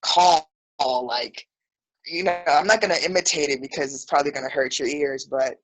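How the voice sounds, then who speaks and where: Relaxed and chatty, sprinkling in plenty of "you know", an English teacher from Brazil in her thirties tells a casual story about a comedy film on a video call, livestream style. She has a low voice and a moderate pace. The recording quality is low.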